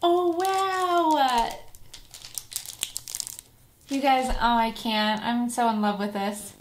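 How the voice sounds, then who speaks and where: An excited woman hosts a casual unboxing vlog in a fairly high voice. She gushes like a devoted fan, stretching words for emphasis and exclaiming with delight. The room is echoey, with slight noise behind her. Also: moderate pace. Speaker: vlog host. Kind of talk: casual unboxing chat to viewers.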